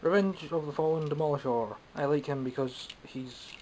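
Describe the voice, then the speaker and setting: Speaking from behind the camera, a young Scottish toy collector vlogger rambles wryly and self-mockingly about his toy haul, sounding a bit phlegmy and coughing now and then. His voice is a little high and a little mellow at a moderate pace. The camera mic recording is rough, with some hiss or hum.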